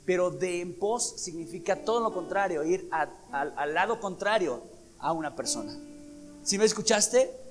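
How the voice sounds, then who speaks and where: A man's voice: high-pitched, animated, moderate pace, over music. A man preaching a sermon, emphatic and asking the congregation questions. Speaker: pastor.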